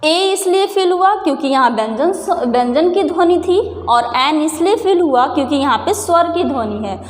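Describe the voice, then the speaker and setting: Female teacher, high-pitched, patient explainer, recorded in a reverberant room. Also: animated, normal speed. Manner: patient, repeats questions to the viewer and answers them. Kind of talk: explaining a grammar lesson.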